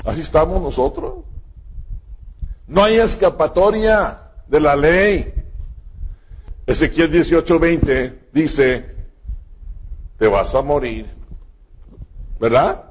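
Male preacher, higher-pitched, husky, unhurried, emphatic sermon delivery. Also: animated. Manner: slow, emphatic preaching with sudden pitch jumps.

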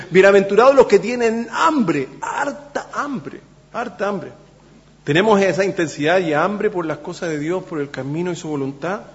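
A man preaching a sermon in a church, halting with many fillers and restarts, then pressing points with emphasis. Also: high voice. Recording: echoey church hall, dull sound.

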